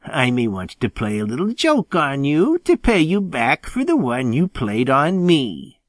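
A man's voice: medium pitch, wildly swooping pitch, unhurried, no room sound, studio quality. A man voicing a sly male skunk who calls out a mocking, vengeful warning. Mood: taunting.

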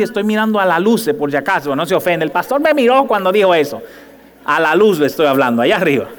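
Pastor de voz aguda en una iglesia con eco. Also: male voice, sits high, in a large hall. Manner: animated, conversational preaching with asides to the congregation. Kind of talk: sermon. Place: church sanctuary.

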